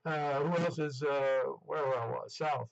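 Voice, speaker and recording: A man's voice: fairly high pitch, fairly even intonation, unhurried, gravelly, slight background noise. A man in his seventies running an amateur radio net in a chatty, rambling, easygoing way, heard over a two-way radio. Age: 70s. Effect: two-way radio transmission. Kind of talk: casual radio net check-in talk. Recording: dull band-limited ham radio audio.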